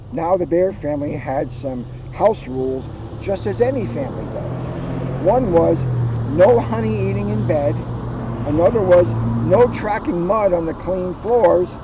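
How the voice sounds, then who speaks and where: This is a male officer reading a children's story aloud, his voice pitched high and his delivery playful and emphatic, with humorous asides mixed in. Passing cars and outdoor ambience come through a somewhat muffled recording.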